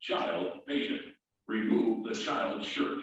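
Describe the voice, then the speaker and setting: A man voicing an automated defibrillator prompt, giving short, clipped, impersonal instructions in a calm, commanding way. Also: lowish voice, slow. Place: played from a training device in an echoey room. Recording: echoey room, distant, dull device speaker.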